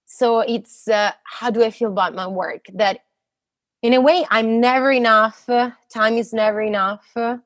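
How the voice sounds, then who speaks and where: A woman in her thirties from Italy, a postdoctoral physicist, speaks with an Italian accent in a medium-pitched voice recorded without echo. As an interview guest she answers questions casually, sounding hesitant, with plenty of fillers and restarts.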